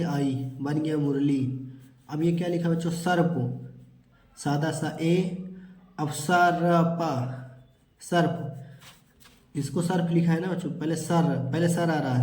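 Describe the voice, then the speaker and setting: A man's voice: a little high, warm tone. Patient male teacher in an echoey room. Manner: patient, repetitive, asks and answers his own questions. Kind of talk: children's spelling lesson.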